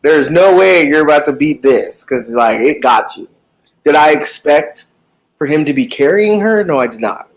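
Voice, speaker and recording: A man's voice: a little high, animated, moderate pace, low-quality recording. A man in a casual live book chat, talking animatedly about a book, with frequent swearing and lots of fillers. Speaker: book discussion participant.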